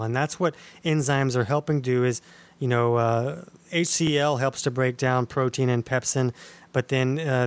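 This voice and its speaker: A man hosting a health talk, explaining digestion in a casual, patient way with frequent pauses and fillers. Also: mid-range voice, dry recording.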